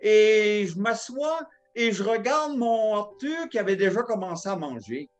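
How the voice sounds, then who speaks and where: A man's voice: high voice, expressive, unhurried, faint music behind. A man telling a homespun story in a sermon, repeating phrases and acting out the dialogue. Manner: homespun, repetitive, acts out the dialogue. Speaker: preacher telling a testimony.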